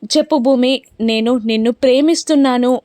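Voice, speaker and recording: A young man pleads in an urgent, pressing voice, as a woman reads his lines aloud. The voice sits a little high, and the sound is dry and close. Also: fairly quick, warm tone, dry recording, natural voice. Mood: pleading.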